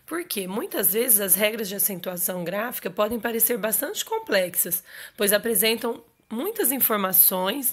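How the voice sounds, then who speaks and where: A woman's voice: medium pitch, a bit bright. A woman teacher explaining grammar rules to her students, checking in often with short questions. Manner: explanatory, checks in with frequent "ok?" and "certo?". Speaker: Portuguese teacher. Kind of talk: recorded online grammar lesson.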